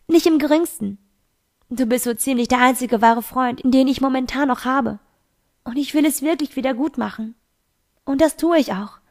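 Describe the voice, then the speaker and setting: A woman reading an evasive teenage girl. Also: high voice. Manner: evasive, reassuring. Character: teenage girl, secretive, defensive.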